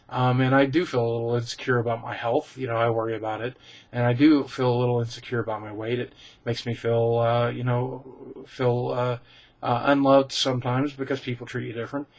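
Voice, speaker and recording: In a casual, rambling Q and A, a vlogger at home speaks to his webcam, chatty and candid, mocking himself and restarting often amid many ums. His tone stays steady and a little fast, his pitch is ordinary and middle, and the audio is slightly dull and lo-fi.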